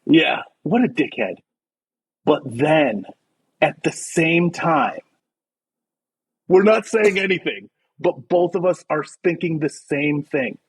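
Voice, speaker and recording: A man on a casual podcast chat, his voice a little higher than most and slightly husky. He tells a story in an animated way, slipping into quoted voices and laughing with the others. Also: takes it slowly, no echo, rough recording. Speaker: podcast co-host.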